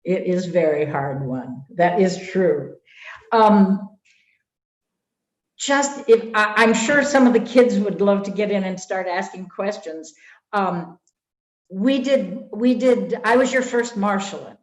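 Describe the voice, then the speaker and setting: A woman's voice: medium pitch, animated, slow pace. An older woman hosts a conversation with a singer, her voice sitting in an ordinary middle register. She talks in a chatty, reminiscing way, dotted with fillers. The recording carries a noticeable room echo from a video call. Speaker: host and voice teacher. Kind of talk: conversational interview.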